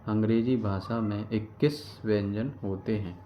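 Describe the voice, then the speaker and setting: A man's voice: fairly low pitch, fairly even intonation, moderate pace. A man teaching a grammar lesson, explaining step by step, repeating key terms and answering his own questions. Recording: dull lo-fi recording with background noise.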